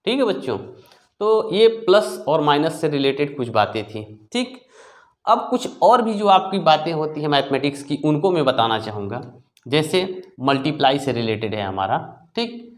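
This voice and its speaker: Lively maths teacher talking to students. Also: male voice, on the high side, normal speed. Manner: explains step by step, checking with "ठीक है बच्चों"; asks the class questions and answers them himself. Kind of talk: classroom maths lesson.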